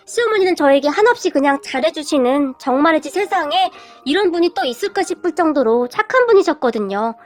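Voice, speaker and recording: A woman narrating a submitted family story in an expressive storytelling manner. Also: high voice. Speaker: story reader. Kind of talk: scripted narration.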